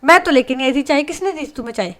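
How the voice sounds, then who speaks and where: A bossy young woman in a spoken love story, scolding and pressing with firm questions, as a woman narrator puts her on. The voice is fairly high and close to the teller's own. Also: expressive, quick pace, a bit bright.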